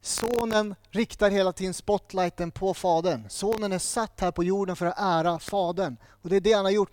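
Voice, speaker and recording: A man's voice: high voice, darkish tone, no echo, clean studio sound. A man preaching a sermon in a church, building his points through short repeated phrases.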